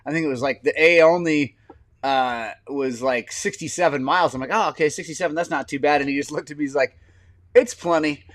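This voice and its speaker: Man in his forties, casual podcast chat, rambling storyteller, slightly high voice, dry close sound. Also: brisk, dry recording. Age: 40s. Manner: rambling storyteller, laughs often. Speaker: podcast co-host.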